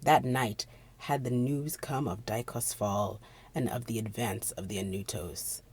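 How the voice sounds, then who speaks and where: A narrator of unclear sex gives a theatrical, dramatic reading of a gothic horror story, sometimes dropping to a breathy near-whisper. The voice is mid-range, slightly mellow, and unhurried.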